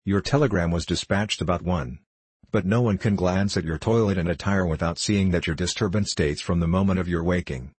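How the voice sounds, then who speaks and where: A man reading the part of a sharp, bored detective, speaking in a measured, lecturing way with dry irony. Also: deep voice, slightly rough, no echo. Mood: lofty. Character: sharp, bored male detective, lofty and precise.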